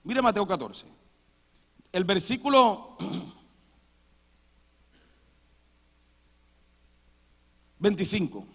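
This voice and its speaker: A man preaching a sermon in a church, with sudden loud dramatic outbursts. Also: high voice, sing-song, extremely slow, long pauses, husky. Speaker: pastor. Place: church sanctuary. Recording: long church hall reverb.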